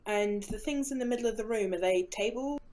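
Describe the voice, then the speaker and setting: A woman's voice: medium pitch, a little fast, mellow. A woman playing in a tabletop game session, a bit hesitant and apologetic. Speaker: player. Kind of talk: casual chat during a tabletop game.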